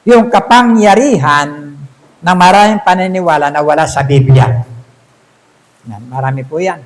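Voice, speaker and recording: A man's voice: on the high side, moderate pace, low-quality recording. A man preaching a sermon in a storytelling way, often asking the congregation rhetorical questions.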